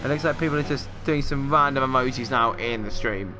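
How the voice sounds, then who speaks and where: A man commentating casually on a livestreamed race, chatty and excitable, who can't pronounce his R and TH sounds, saying w for r. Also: a little fast, music in the background. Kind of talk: casual live sim-racing commentary with banter. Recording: noisy mic with engine rumble.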